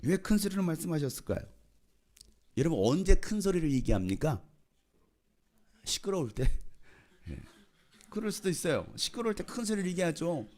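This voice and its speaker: A man's voice: a little high, big pitch swings, moderate pace, long pauses, darkish tone. A man preaching as pastor, often questioning the congregation and repeating their answers. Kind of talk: sermon.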